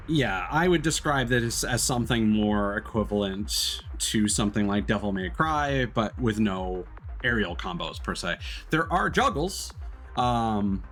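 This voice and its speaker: An animated man with a lowish, slightly bright voice talks slowly while streaming gameplay live. Over game music, he explains things in a casual, conversational way and thinks out loud.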